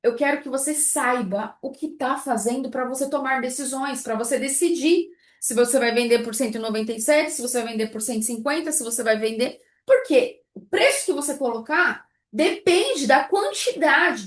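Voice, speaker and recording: A high-voiced woman leads a live class on pricing sweets. She keeps throwing rhetorical questions at her students. Her voice carries a roomy echo. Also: normal speed, hardly any pauses. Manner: lively, rhetorical questions to the audience. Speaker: baking business instructor.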